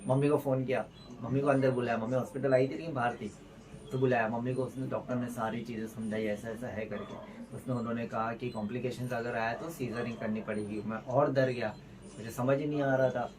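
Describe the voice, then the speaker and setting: A man's voice: medium pitch, fairly even intonation, a little fast, a crowd in the background. A young man, a vlogger and new father, telling a personal story in a heartfelt, rambling way with restarts. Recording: distant mic with faint ambient noise.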